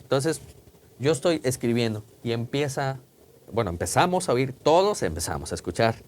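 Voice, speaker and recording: A man's voice: medium pitch, animated, moderate pace, a little mellow, slight background noise. A man telling a ghost story in casual chat, acting out voices and sounds. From Mexico. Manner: colloquial, vivid, acts out quotes and sounds. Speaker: podcast host.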